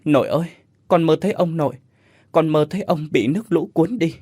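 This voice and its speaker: A frightened ten-year-old boy pleads and whimpers in a spoken ghost tale, as a male narrator puts him on. The voice is pitched up well above the reader's own, and the sound stays dry and close. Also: lively intonation, normal speed, no room sound. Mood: tearful. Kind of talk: audio ghost story narration.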